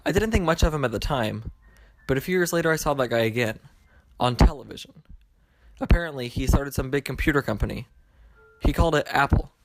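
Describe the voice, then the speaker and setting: A man's voice: mid-range voice, lively intonation, brisk, no room sound, close to an everyday voice. A man narrating as a character looking back on his life, in plain, matter-of-fact scripted storytelling. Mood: reflective.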